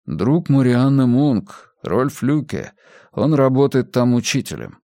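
A male audiobook narrator voicing a cautious police colleague who speaks hesitantly and slowly. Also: medium pitch, big pitch swings, vocal fry, warm tone, no room sound, clean studio sound, full character voice.

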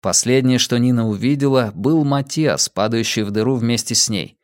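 A man reading a dramatic audiobook in a steady, measured narrating voice. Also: medium pitch, no echo, studio quality. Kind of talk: scripted narration.

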